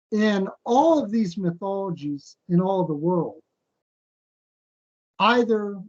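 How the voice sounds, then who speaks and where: Slow, halting man teaching scripture. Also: sits high, a little mellow. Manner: halting, thinks aloud with many fillers; reads scripture aloud in a slower, fuller cadence. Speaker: Bible teacher. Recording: dull lo-fi recording.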